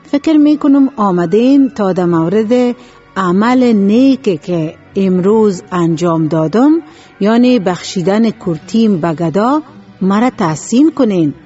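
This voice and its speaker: A woman's voice: medium pitch, expressive, warm tone, breathy edge, dull audio, soft background music. A woman voicing a stubborn, irritable village man who exclaims a lot. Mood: delighted.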